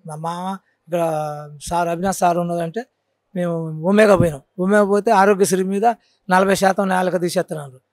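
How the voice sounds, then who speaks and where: In a casual interview, a folk storyteller with a Telangana Telugu accent earnestly recounts his cancer story, repeating his points. His voice is high and steady, a little fast, with long pauses, on a dry recording.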